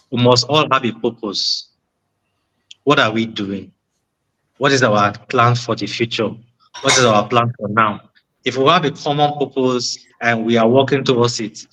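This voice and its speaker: On a panel discussion, a man with a West African accent offers conversational relationship advice, repeating key words for emphasis and asking rhetorical questions. His voice is medium-pitched and a bit bright, and the audio quality is poor.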